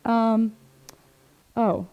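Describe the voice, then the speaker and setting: A young woman in her 20s, originally from Sweden but raised in Maryland, USA, gives a casual career talk to students in a classroom, chatty and informal with plenty of fillers and asides. Her fairly high voice is steady and clean, and she draws out her words. A 360 camera in the room picks her up with lo-fi sound.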